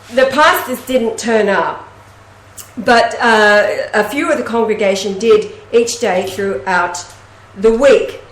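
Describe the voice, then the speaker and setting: Woman, casual storytelling, animated, fairly high voice, roomy echo. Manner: animated storyteller, acts out quoted speech. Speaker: host. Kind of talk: casual conversation. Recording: echoey room.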